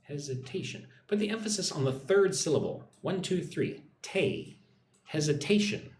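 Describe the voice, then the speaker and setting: A slightly high, sing-song male voice with a darkish tone comes through in a roomy recording. The American man teaches English live, voicing viewers' comments and slowly sounding out words for them to say back.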